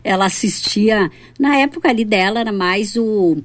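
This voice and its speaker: A middle-aged woman from southern Brazil with a Rio Grande do Sul accent, a city councillor reminiscing in a relaxed interview and tagging her sentences with questions. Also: mid-range voice, normal speed. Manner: reflective, tags sentences with "né?". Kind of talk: casual reminiscing conversation.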